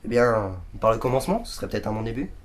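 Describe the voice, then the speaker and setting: A man's voice: lowish voice, rapid-fire, natural voice. A man playing a wry, theatrical friend. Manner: relaxed, ironic, theatrical. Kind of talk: amateur short film acting.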